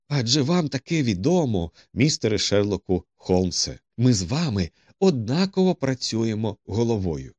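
A man voicing a boastful, excitable male police detective who talks in a boisterous, self-satisfied way. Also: lowish voice, no echo, lightly acted.

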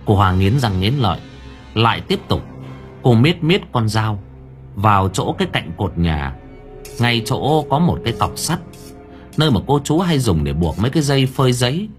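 A man narrating a horror audio story in a dramatic, expressive way. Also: medium pitch, normal speed. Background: faint background music.

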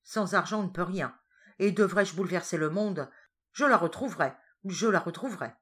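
A woman's voice: on the low side, lively intonation, unhurried. A woman voicing a young male journalist who pleads with fervent urgency in a storybook reading. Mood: desperate.

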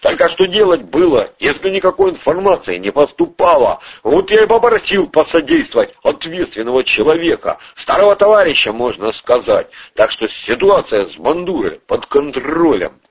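A man's voice: on the high side, wildly swooping pitch, moderate pace, few pauses, slightly rough, pitched above the performer's own voice, heavily acted. A man voicing a tense, middle-aged police colonel who answers tersely and defensively. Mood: guarded. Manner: terse, muttered, defensive replies. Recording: dull lo-fi recording.

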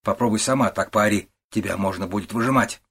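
A man voicing an irritable young husband who talks in a gruff, loud, snappish way. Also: lowish voice, fast. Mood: irritated.

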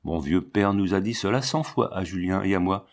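A man's voice: deep voice, normal speed. A man reading as an honest teenage boy. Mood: firm. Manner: earnest, firm.

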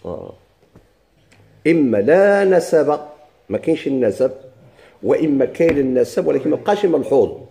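Moroccan guy teaching arabic grammar, warm low-key voice, says words over and over for the class. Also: lively intonation, gravelly. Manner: explains slowly and repeats words for students. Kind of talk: classroom lesson.

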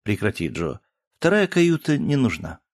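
A man's voice: fairly low pitch, very animated, normal speed. A man voicing an easygoing woman spaceship pilot in an audiobook, speaking in a casual, familiar way. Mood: friendly, casual.

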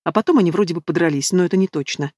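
A woman narrating a fantasy novel in the first person, in an even storytelling manner, close to the microphone. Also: on the low side, very fast, no echo. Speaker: audiobook narrator.

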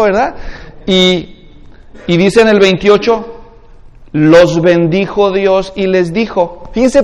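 A man's voice: high voice, in a large hall. A man with a Mexican accent preaching an expository sermon in a conversational way, often asking the congregation questions. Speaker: pastor.

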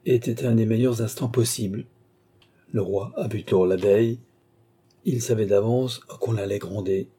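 A man narrating a classic novel aloud in a measured, literary way. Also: mid-range voice, dark tone, slightly rough. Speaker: audiobook narrator. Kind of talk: scripted narration.

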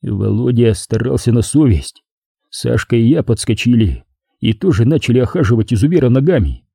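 A man narrating a first-person war story as an audiobook reader, in steady storytelling. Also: mid-range voice, normal speed, creaky, breathy edge, no room sound, clean studio sound. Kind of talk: audiobook reading.

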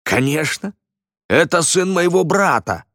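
Storybook reading: hearty, loud man with broken grammar, lively pitch, done by a male narrator. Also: takes it slowly, dry recording, clean studio sound, faint music behind, exaggerated voice. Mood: boisterous. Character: big, boisterous man speaking broken Russian.

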